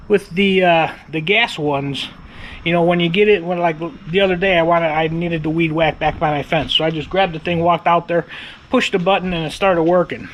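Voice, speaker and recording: A man chats casually to his camera outside in his sunny backyard, wandering from thought to thought and circling back on himself. His voice sits a little high for a man. Faint outdoor ambience hums under him. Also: fairly bright tone, slight background noise, low-quality recording. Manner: rambling, repeats himself, many fillers. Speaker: vlogger. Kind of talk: casual vlog chat.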